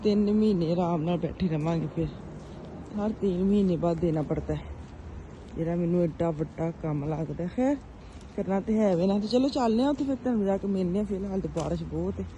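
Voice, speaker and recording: A woman's voice: fairly low pitch, a little fast, warm tone, slight background noise. Chatty Pakistani Punjabi woman vlogging. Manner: chatty, narrates daily errands to viewers. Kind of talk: casual vlog chat.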